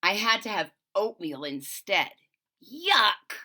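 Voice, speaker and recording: Reading aloud from a picture book for kids, this woman speaks slowly at medium pitch. She's expressive and talkative, adding warm little comments as she turns the pages.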